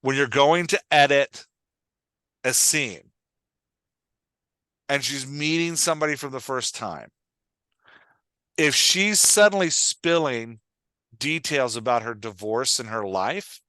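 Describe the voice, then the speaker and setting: Taking it slowly with frequent pauses, this man, a writing coach hosting a podcast, teaches in a relaxed, conversational style, reasoning out loud and making sure he's understood. The close, dry recording captures his bright, forward, mid-range voice.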